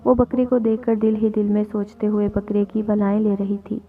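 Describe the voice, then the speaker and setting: A woman narrating a scripted story in a steady, even reading voice. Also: mid-range voice. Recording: tinny lo-fi audio with faint music.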